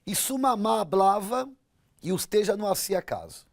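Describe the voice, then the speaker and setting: A man, a bishop, interviews a guest. He adds measured points of clarification and checks with her as he goes. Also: high voice, expressive, vocal fry.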